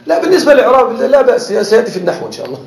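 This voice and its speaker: A man with an extremely high, wildly swooping, creaky voice lectures a class at a rapid-fire pace. He keeps pausing to check whether his students are following, and the classroom sounds echoey.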